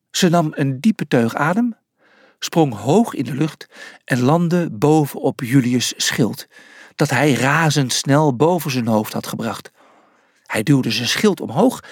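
A man narrating a children's audiobook chapter, slow and deliberate. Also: a little high, breathy edge, no echo, clean studio sound.

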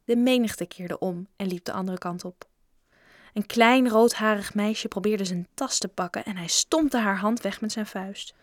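A woman narrates a children's storybook with lively expression. Her voice sits in the middle range and the recording is dry and close. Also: mid-range voice, a little slow, no room sound. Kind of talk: storybook reading.

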